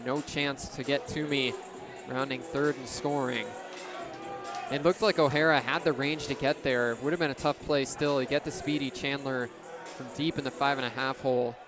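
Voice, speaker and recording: With music playing under him, a young man delivers live radio baseball commentary in short, descriptive calls. His voice is medium-pitched and fairly even at a normal speed, and the outdoor stadium adds crowd and ambient noise.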